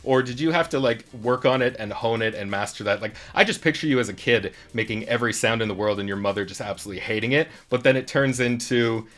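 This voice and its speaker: A man's voice: medium pitch, fast, hardly any pauses, fairly bright tone. A young man hosting a casual interview and song game, upbeat and teasing, talking at length. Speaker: show host.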